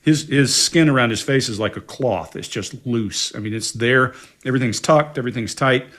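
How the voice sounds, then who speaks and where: A man's voice: medium pitch, moderate pace, fairly bright tone. A man on a panel discussing deception cues in an interview clip, conversational and emphatic. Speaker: body language analyst. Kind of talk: panel video analysis.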